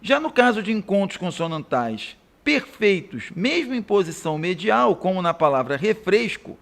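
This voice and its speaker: Male teacher, Brazilian accent, high voice, gravelly, grammar lesson, slow deliberate example words. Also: sing-song, fairly bright tone. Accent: Brazilian Portuguese. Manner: didactic, spells out example words slowly. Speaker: Portuguese teacher.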